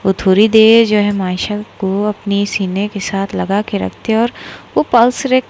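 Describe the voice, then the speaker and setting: A woman's voice: medium pitch, fairly even intonation, a little slow, darkish tone, slight background noise. A woman from Bangladesh with a Bengali accent, narrating a serialized romance story in a casual, filler-heavy way.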